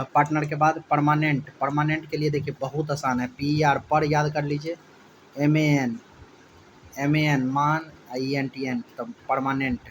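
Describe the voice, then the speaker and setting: A man teaching a spelling lesson for exam students, spelling words out letter by letter and repeating each syllable slowly. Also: a little high, fairly bright tone, a little hiss or hum, low-quality recording.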